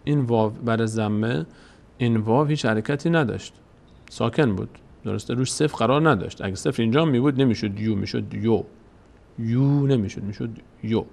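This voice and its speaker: Male recitation teacher, patient and repetitive, gravelly mid-range voice, stretches verses out slowly to show how they are read. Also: mid-range voice, darkish tone. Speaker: Quran reading teacher. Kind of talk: step-by-step recitation lesson.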